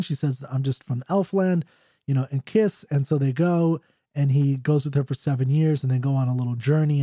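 A man talks through an old ballad in a loose, chatty way, often checking in with his listener. He then reads the verse aloud, putting on a mock Scottish accent. His voice is mellow, and the recording is dry and close. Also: fairly high pitch, no room sound. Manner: chatty, full of "you know" and "right?". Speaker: ballad reader and explainer. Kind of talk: casual explanation and poetry reading.

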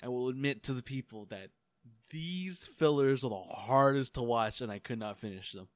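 A man co-hosting a casual podcast, reacting to anime episodes with animated, laugh-prone chat and repeated words. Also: mid-range voice, normal speed, no echo, studio quality. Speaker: podcast co-host.

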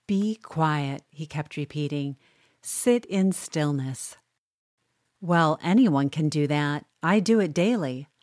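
A woman reads a humorous newspaper column aloud with a wry, dryly humorous touch and an unhurried pace. Her voice sits a little low. The sound is close and dry, with no room echo. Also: darkish tone.

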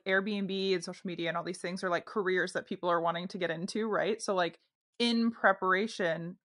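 A woman's voice: on the low side, fairly bright tone. A woman co-hosting a podcast, telling stories in a chatty way with frequent "like.". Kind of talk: casual podcast chat.

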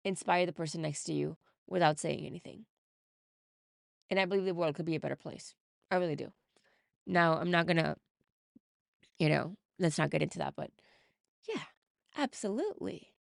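A woman's voice: sits low, fairly even intonation, normal speed, gravelly, pauses often, no room sound, clean studio sound. A woman hosting her own podcast as a mindset coach, talking earnestly and emphatically to encourage her listeners. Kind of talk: motivational podcast monologue.

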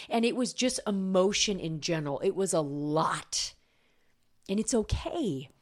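A woman's voice: on the low side, darkish tone. A middle-aged woman hosting a podcast as a weight-loss coach, telling a personal story in an earnest solo monologue.

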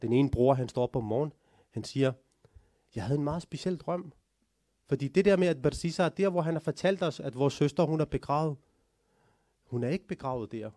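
A man giving a storytelling sermon as a religious lecturer, telling the story with animated, rising emphasis. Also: medium pitch, no echo, studio quality.

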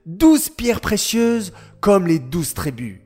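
Man doing patient explainer boy for a children's storybook, slow, unhurried delivery. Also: sits high, big pitch swings, a little mellow, faint music behind, heavily acted. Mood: patient, warm.

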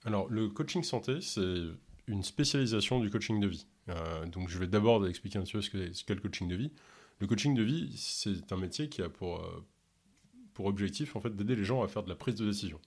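A man from Ontario who speaks French with no accent, answering interview questions in a halting way with many fillers. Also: fairly low pitch, animated, husky. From Canada, Ontario. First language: English. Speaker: podcast host and health coach.

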